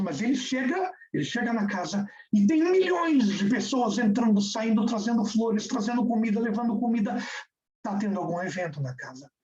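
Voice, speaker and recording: A male lecturer retelling an old tale, animated and fond of repeating words for emphasis. His pitch swings widely. He sounds distant, and the recording is dull. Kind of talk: storytelling lecture.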